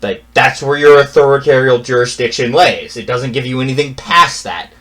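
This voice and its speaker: A young man rants casually through a personal story, sounding exasperated and repeating himself. His voice sits at medium pitch and moves at a moderate pace, sinking to a mutter before climbing back up loudly.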